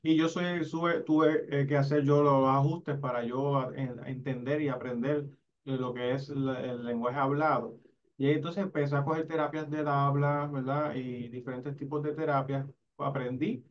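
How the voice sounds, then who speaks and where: A man from Rico, telling his life story in an interview, halting and restarting often and tagging his sentences with a question. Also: medium pitch, fairly even intonation, far from the mic, dull audio. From Puerto Rico. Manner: halting, with frequent restarts and a repeated tag question. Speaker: interviewee, sign language interpreter.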